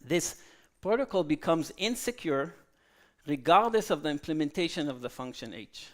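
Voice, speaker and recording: A man giving a technical conference talk, halting with fillers and checking in with "okay?" after each point. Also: on the high side, expressive. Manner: frequent "okay?" tag questions, halting with fillers. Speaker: conference speaker. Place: conference hall.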